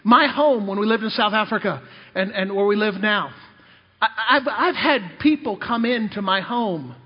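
Delivering a sermon, a male missionary preacher uses a high, animated voice with a breathy edge at normal speed. He spins humorous stories about himself and calls out to his congregation, and the audio is dull lo-fi with the reverb of a large hall.

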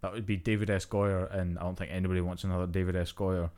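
A young man with a low voice talks fast as he co-hosts a podcast. It's a casual chat, and he rants animatedly, swearing freely throughout.

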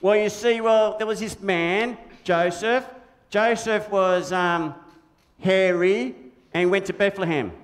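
A man's voice: sits high, takes it slowly. A man voicing Big Red, a cheeky, toy-mad children's puppet with an Australian accent, in a church puppet show. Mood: cheeky confused. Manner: bouncy, silly, easily confused, sings.

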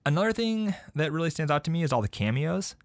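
Podcast co-host, male, excitable retro gaming chatter, dry close recording. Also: a little high, fast, dry recording. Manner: enthusiastic, animated retelling with shouted quotes. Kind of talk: casual chat about retro games.

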